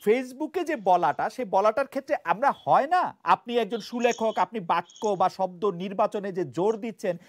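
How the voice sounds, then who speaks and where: A man hosting a talk show, moderating a political debate with halting restarts as he tries to interject. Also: sits high, lively intonation.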